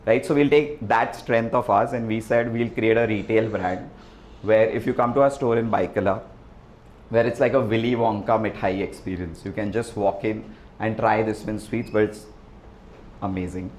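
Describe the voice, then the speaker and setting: A man giving a relaxed, chatty presentation to an audience, often asking "right?". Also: lowish voice, normal speed, a little hiss or hum. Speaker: restaurant founder giving a talk. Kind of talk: presentation with slides. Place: event hall with an audience. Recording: echoey hall, faint ambience.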